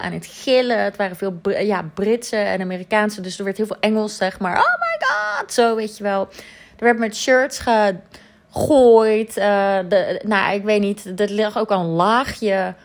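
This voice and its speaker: A woman's voice: medium pitch, normal speed. A woman in her thirties casually telling a personal story, chatty, with many fillers and English words dropped in.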